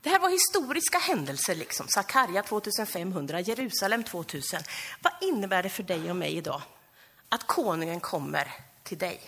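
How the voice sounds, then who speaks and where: A Swedish woman preaching a sermon during a church service, acting out the cries of the people with lively expression. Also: lowish voice, gravelly, husky. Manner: animated, acts out cries of the people. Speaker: pastor.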